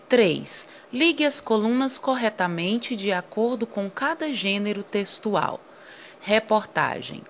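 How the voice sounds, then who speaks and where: Brazilian schoolteacher walking kids through a worksheet, unhurried and careful, light noise behind. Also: female voice, medium pitch, expressive. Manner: slow, careful, stretching key words for young pupils. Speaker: teacher. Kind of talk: reading out and explaining worksheet exercises.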